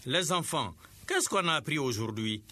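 A man teaching a scripted radio lesson, giving slow, clear instructions to teachers and pupils. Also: on the high side, lively intonation, over loud music.

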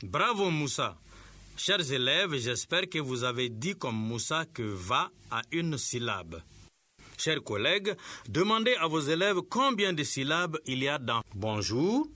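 Guy teaching a radio class, talks slow and clear, higher voice, kinda bright. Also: sing-song. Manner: slow, clear instructional delivery addressing teachers and pupils. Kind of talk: scripted radio lesson.

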